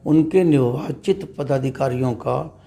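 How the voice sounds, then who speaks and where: Gravelly mellow-voiced man answering questions. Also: mid-range voice. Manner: measured, emphatic, uses rhetorical questions. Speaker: trader association leader interviewed as guest. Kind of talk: interview answers.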